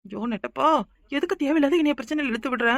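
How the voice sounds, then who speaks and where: A woman voicing a sulky, sharp-tongued young village wife in a cartoon, with a Kanyakumari Tamil accent. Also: high-pitched, racing, creaky. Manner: sulky, retorting.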